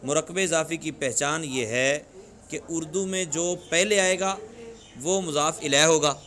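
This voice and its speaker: A man's voice: on the high side, a bit bright. A man with a Pakistani Urdu accent teaching a classroom grammar lesson, drilling students with repeated questions. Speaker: religious teacher.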